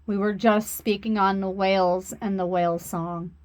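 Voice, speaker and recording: Slow, earnest, and reassuring, a woman healer and spiritual reader conducts an oracle card reading. Her mid-range voice is steady and somewhat dark in tone.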